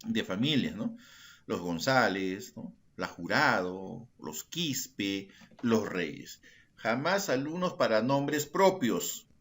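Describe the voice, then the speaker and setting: A man's voice: lowish voice, big pitch swings, slow, fairly bright tone. A male secondary school teacher, patiently explaining grammar to his students and checking in with frequent tag questions. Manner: addresses students directly and repeats key words. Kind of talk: recorded grammar lesson.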